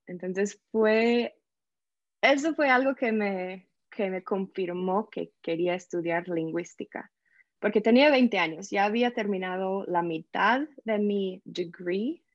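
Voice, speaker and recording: An American woman with an American English accent, a podcast guest, tells her story in a lively, casual interview, acting out quoted voices and slipping English words into her Spanish. Her voice is medium-pitched, and the recording is dry and dull.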